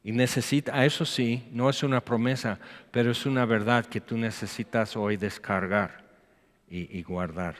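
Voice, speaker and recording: A man's voice: medium pitch, fairly even intonation, moderate pace. A man, preaching a sermon in a chatty style, reading scripture and breaking into acted quotes. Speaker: pastor. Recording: long hall reverb.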